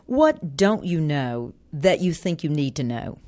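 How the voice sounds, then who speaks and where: A woman interviewing a guest, asking measured, thoughtful questions. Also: deep voice, big pitch swings, a little mellow.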